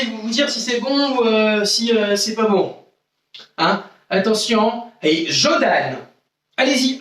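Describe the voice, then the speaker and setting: A man's voice: high-pitched, a bit bright. A man teaching an online karate class to children, counting out exercises and often checking "d'accord?". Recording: echoey room, voice from mic distance.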